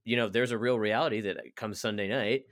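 Rambling low-voiced man talking sports. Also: steady tone, brisk, fairly bright tone. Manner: rambling, heavy on "like" fillers. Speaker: podcast co-host. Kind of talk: casual sports chat.

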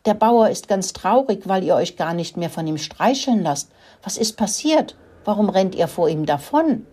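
A woman's voice: mid-range voice, animated, moderate pace, mellow, breathy edge. A woman doing a sensible storybook tomcat. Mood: concerned. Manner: mewing, reasonable. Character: sensible male farm cat.

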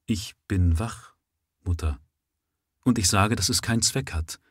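A man voicing an exhausted young factory worker who speaks softly, calmly and without passion. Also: on the low side, a little slow, slightly rough, no echo, clean studio sound. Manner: calm, soft and passionless.

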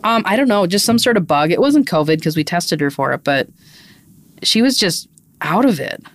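Brief: woman podcast co-host, lower voice with a lot of lift and fall, chatty, laughs easily, close dry recording. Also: animated, normal speed, no echo. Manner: chatty, laughs often while telling stories; mother talking about her young daughter. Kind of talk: casual chat.

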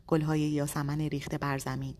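Low-voiced woman narrating an audiobook. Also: little pitch movement, warm tone. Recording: long echoey reverb.

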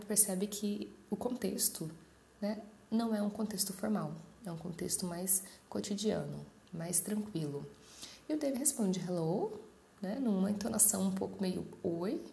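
A woman's voice: lowish voice, creaky, mellow, slight background noise. A Brazilian woman teaching an English lesson, explaining step by step and often checking in with her students, in a roomy space. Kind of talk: language lesson. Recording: roomy echo, faint ambience.

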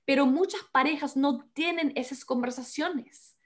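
A woman chatting earnestly with a partner, haltingly with many restarts. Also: sits high. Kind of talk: casual chat about marriage.

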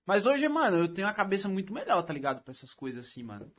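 A young man with a Brazilian Portuguese accent from São Paulo chats casually at a rapid clip. His voice sits high for a man. His talk is full of street slang and swearing. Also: huge pitch swings, fairly bright tone. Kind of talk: casual chat.

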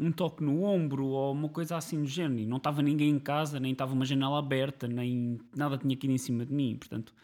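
A man's voice: mid-range voice, darkish tone. Casual European Portuguese man chatting. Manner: mixes English slang into speech. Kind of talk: casual chat.

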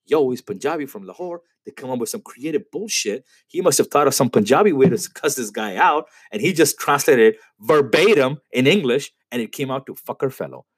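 A man's voice: medium pitch, lively intonation, a little fast, hardly any pauses, breathy edge, no echo. A man telling a comic story in a casual, profane, slangy way. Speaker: comedian storyteller.

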